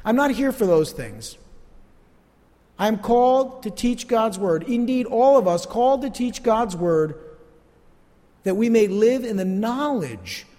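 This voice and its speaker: The church sanctuary's reverb surrounds a male pastor whose first language isn't Spanish as he teaches a sermon. His voice sits high and mellow, a little slow and sing-song, with an earnest, emphatic preacher's manner.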